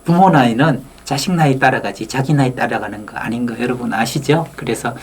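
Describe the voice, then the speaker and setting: Husky Gyeongsang-accented man lecturing. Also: medium pitch, a little fast. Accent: North Gyeongsang (Andong). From Andong, South Korea. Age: 50s. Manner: animated storytelling, acts out quoted lines, drops into whispered asides. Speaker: anger-management lecturer. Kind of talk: public lecture.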